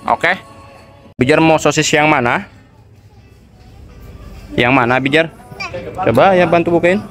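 Coaxing dad with a lilt. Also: male voice, on the high side, unhurried, music in the background. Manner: coaxing, playful, repeats himself to a small child. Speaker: father filming his son. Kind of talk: casual family vlog narration. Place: shop and street outdoors.

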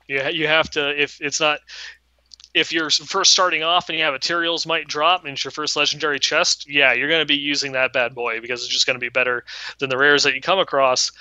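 A man's voice: mid-range voice, bright, forceful tone, clean tone, no echo, highs cut off. A man co-hosting a podcast, explaining game items at length in a casual chat. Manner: explains game details at length, many restarts. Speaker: podcast co-host.

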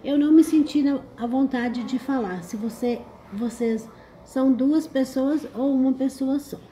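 Brazilian woman, livestream host, warm mellow tone, chatty and teasing. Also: high-pitched, measured pace, a little hiss or hum. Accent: Brazilian Portuguese. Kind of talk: casual live chat, reading comments.

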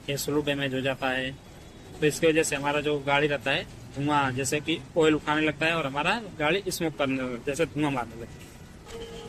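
A man's voice: on the high side, bright, forceful tone, slight background noise, poor audio. A young man who works as a motorcycle mechanic, explaining engine parts in a casual how-to vlog step by step, often saying "guys". He is outdoors in front of a street-side shop, speaking into a phone held close. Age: young adult.

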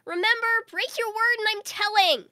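A woman's voice: high-pitched, big pitch swings, normal speed, bright, forceful tone, dry recording, studio quality, heavily acted. A woman voicing a stubborn, indignant little sister in a game roleplay, whiny and bossy. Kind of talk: acted role in a Minecraft roleplay.

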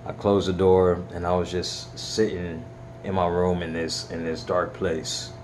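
A man's voice: deep voice, little pitch movement, unhurried, a little mellow, slight background noise. A young man earnestly telling his personal faith story in a heartfelt, rambling way, his voice cracking at times. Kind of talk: personal testimony vlog.

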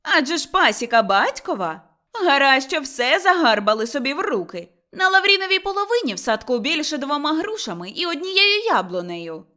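A woman voicing a combative young village wife who shouts and scolds in a high, loud voice. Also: sing-song, normal speed, few pauses. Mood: shrill scolding.

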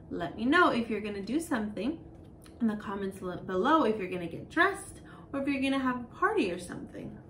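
A woman teaching children in a bilingual lesson, repeating each word slowly in a sing-song way. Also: a little high, a bit bright, reverberant, distant mic, a little hiss or hum. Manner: slow, sing-song repetition of words for children.

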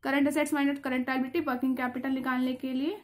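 Female tutor with a high voice and a patient, step-by-step lecturing manner. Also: level tone, fast talker. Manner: explains patiently, checks in with "theek hai". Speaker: commerce teacher.

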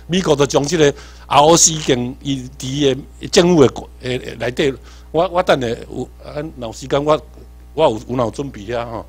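A man from Tainan with a Taiwanese accent, giving an animated workshop lecture, quizzing the audience and swinging between emphatic and muttered asides. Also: medium pitch, fairly quick, breathy edge. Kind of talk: seminar lecture mixing Hokkien and English terms.

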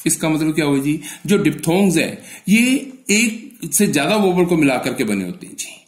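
A man from northern India teaching an exam-prep lesson in a slightly high voice. He asks questions and answers them himself, with polite "ji" all through. The room is echoey. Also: sing-song, normal speed. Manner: addresses the students with a polite "ji".

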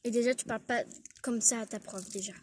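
A woman's voice: on the high side, fairly even intonation, fast talker, noisy background, close to an everyday voice. A woman voicing a strict male school principal who scolds a pupil. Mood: scolding.

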